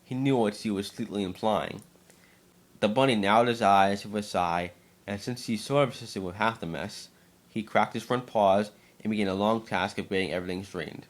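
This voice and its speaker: At a moderate pace, a man with a lowish voice narrates a fan tale in the manner of a storybook. The reading is amateurish, with sporadic stumbles and words said twice.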